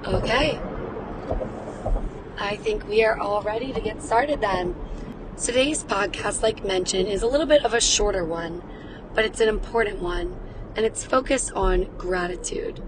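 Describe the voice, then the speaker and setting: Recording a wellness podcast from inside a moving car, an upbeat woman guides listeners through breathing in a warm, encouraging way. Her mid-range voice is slightly raspy from days of cheering and comes at a measured pace, with road noise humming clearly beneath it.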